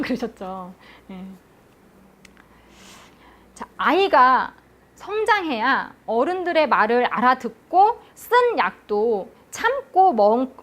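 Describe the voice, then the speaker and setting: A woman preaching an afternoon church sermon, putting questions to the congregation and answering them herself with a steady "yes.". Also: high voice.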